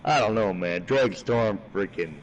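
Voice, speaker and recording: Low-voiced man, casual game player. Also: measured pace, rough recording. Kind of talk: casual chat. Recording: faint background noise, online voice chat.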